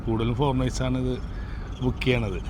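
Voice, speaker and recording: A man's voice: mid-range voice, little pitch movement, fairly quick, background noise. A man with a Kerala accent giving a casual vlog tour, mixing English words into Malayalam and often prompting his companion with short questions. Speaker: travel vlogger.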